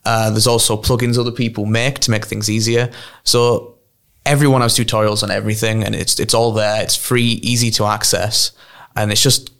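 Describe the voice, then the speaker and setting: A man's voice: on the low side, level tone, moderate pace, vocal fry, fairly bright tone. A man who works in video, a podcast guest giving keen advice in casual chat. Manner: enthusiastic, gives advice.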